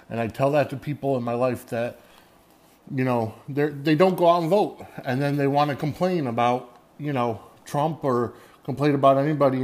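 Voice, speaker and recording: Male podcast host, American accent, mid-range voice, off-the-cuff monologue with halting, wandering delivery. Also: medium pitch, darkish tone. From United States. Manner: rambling, halting, often searching for words. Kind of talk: unscripted solo podcast monologue.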